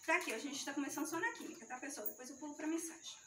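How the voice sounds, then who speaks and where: A woman gives a youth ministry teaching talk, walking listeners through every step of a live demonstration while her voice trembles with nerves. She speaks in a high voice and at a racing pace. A far-off mic in an echoey room picks her up along with background noise.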